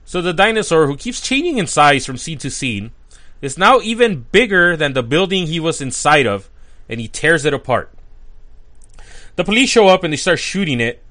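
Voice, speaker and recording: A man's voice: a little high, big pitch swings, a little fast, pushed and bright. A man giving a casual, chatty commentary as he recaps a cartoon, full of enthusiasm and sprinkled with "like" and "uh.". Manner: enthusiastic and chatty, with frequent "like" and "uh" fillers. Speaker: cartoon reviewer.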